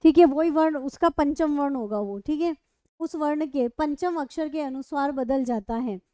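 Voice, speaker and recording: A woman's voice: high voice, moderate pace, warm tone, dry recording, clean studio sound. A woman teaching an online grammar lesson. She asks questions and answers them herself, and often says "okay" between points.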